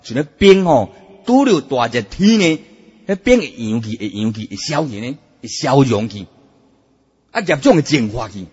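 A man preaching a Buddhist sermon, emphatic and animated, drawing out his sentence-end particles. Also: medium pitch, moderate pace, breathy edge. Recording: dull, echoey hall sound.

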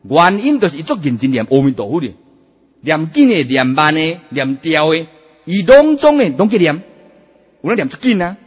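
A man preaching a Buddhist sermon, emphatic and animated, drawing out his sentence-end particles. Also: fairly high pitch, moderate pace, breathy edge. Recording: dull, echoey hall sound.

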